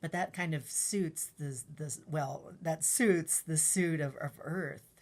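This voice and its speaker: Soft-spoken low-voiced young woman. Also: slow pace. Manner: soft-spoken, often trails into whispers, many ums. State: out of breath. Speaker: tarot deck reviewer. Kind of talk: casual deck walkthrough.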